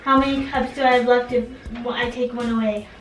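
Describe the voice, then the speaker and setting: A woman's voice: on the high side, fairly even intonation, a little fast. A woman chatting casually and asking quiz questions in a challenge video. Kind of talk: casual chat. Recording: echoey room, distant mic, faint music.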